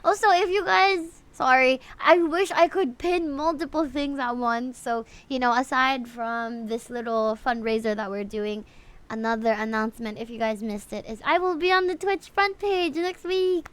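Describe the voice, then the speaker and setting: A Filipino woman hosts a livestream of a story game, chatting casually, greeting her viewers often and reading game dialogue aloud. Her voice is high and fairly bright, at a normal pace.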